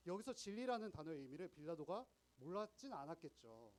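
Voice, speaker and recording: A man's voice: a little high, big pitch swings, brisk, low-quality recording. A young man preaching a sermon to teenagers. He talks in a chatty, explaining way and keeps asking the audience questions. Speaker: youth group preacher.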